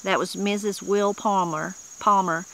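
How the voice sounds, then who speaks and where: Outdoors in a wooded yard, a channel host, a middle-aged woman with a Southern Appalachian accent, reads dictionary entries and casually explains old mountain words, plain-spoken and homespun, often restarting. She speaks at medium pitch with fairly even intonation and a measured pace, a bit bright, on a rough recording.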